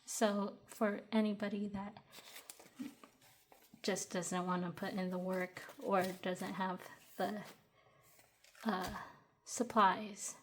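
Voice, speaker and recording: Slow, breathless young woman vlogger. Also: medium pitch, flat delivery, slight background noise. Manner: chatty, hesitant with fillers and restarts. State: short of breath. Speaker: budgeting vlogger. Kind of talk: casual tutorial chat.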